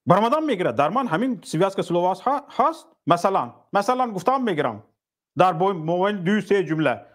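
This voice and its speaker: A man's voice: high-pitched, big pitch swings. A man hosting a call-in talk show who speaks sternly and rebukes his critics.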